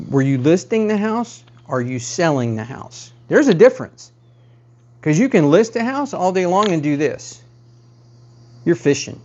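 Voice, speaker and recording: A man's voice: a little high, a little mellow, dull audio. A man working as a real estate agent, giving emphatic advice straight to the viewer and repeating key phrases for stress. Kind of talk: direct-to-camera advice talk.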